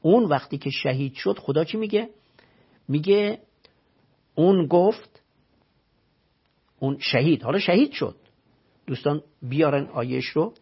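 A man's voice: fairly high pitch, animated, long pauses, breathy edge, dull audio. A man, a religious scholar, giving an emphatic explanatory talk full of rhetorical questions and recited scripture, heard on a radio broadcast.

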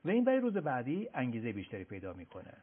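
A man's voice: mid-range voice, wildly swooping pitch, breathy edge. A man giving study advice on a radio show, lecturing emphatically and speaking directly to listeners. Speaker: education advisor. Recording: tinny phone-like sound.

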